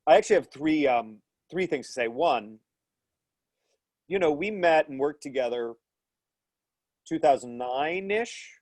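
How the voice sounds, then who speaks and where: Over a video call from a small room at home, a man in his thirties leads a live online acting lecture and Q&A through an earphone headset mic, gesturing as he explains. His fairly high, darkish voice has lively intonation and an unhurried pace with frequent pauses. He talks thoughtfully with plenty of fillers and restarts, and the recording is dry.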